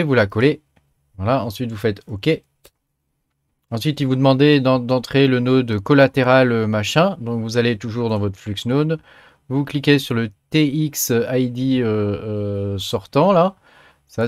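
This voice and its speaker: A man hosting a software tutorial, chatting through each step with many filler sounds. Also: medium pitch, no room sound, studio quality. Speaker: tutorial host. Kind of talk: screen-recorded software tutorial.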